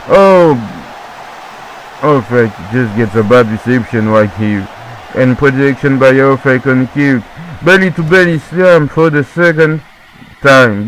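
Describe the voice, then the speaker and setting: A man whose first language is French gives excitable play-by-play wrestling commentary, tossing in jokey asides and repeated calls. His voice is a little high. The recording is rough, with a little hiss or hum.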